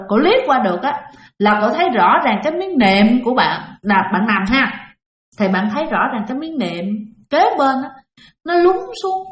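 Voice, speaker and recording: A woman narrating a ghost story in a chatty way, often speaking straight to her listeners. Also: a little high. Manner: chatty, addresses listeners directly. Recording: roomy echo.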